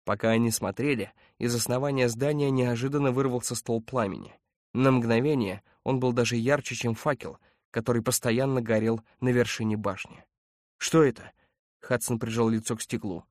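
A man narrating an audiobook with a steady, even reading. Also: mid-range voice, brisk, dry recording, clean studio sound. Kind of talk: scripted narration.

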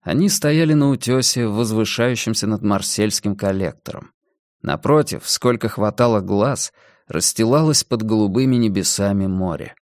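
A man reading a novel aloud as an audiobook narrator, in a measured, deliberate manner. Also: lowish voice, a little mellow, dry recording, studio quality. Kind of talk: scripted narration.

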